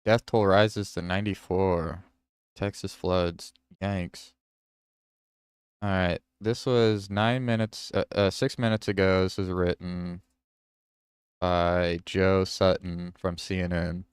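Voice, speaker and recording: Low-voiced guy reading headlines on his stream, slow, reacts as he goes, very clear dry sound. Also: flat delivery, no echo. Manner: reads headlines aloud with reactions and self-corrections. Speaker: livestream host. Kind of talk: casual livestream news reading.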